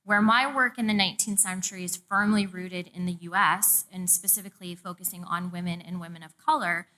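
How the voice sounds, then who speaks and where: A middle-aged university professor in her 40s, originally from Charleston, South Carolina, US, gives a prepared public talk in a museum event room and mixes in personal asides. Her voice is fairly low in pitch with a sharp tone. The recording quality is low.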